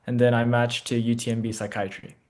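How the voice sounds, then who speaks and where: Man, 20s, from Texas, panelist; mid pitch, very level delivery. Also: flat delivery, fairly quick, a little mellow. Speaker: panelist, new medical graduate. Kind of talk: casual panel introduction. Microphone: video call.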